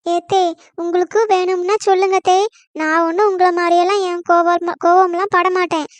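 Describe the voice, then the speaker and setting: Very high, dry-voiced scheming young wife. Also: female voice, flat delivery, moderate pace, no room sound. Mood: aggrieved. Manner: sly asides, then fake tearful complaints. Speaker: daughter-in-law. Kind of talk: cartoon comedy voice acting.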